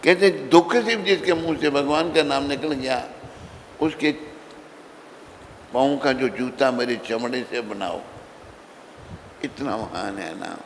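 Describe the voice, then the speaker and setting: A man's voice: medium pitch, slow, pauses often. A man giving a devotional sermon, telling a story and acting out its dialogue in a raised voice. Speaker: swami giving a devotional lecture. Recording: long hall reverb with faint background noise.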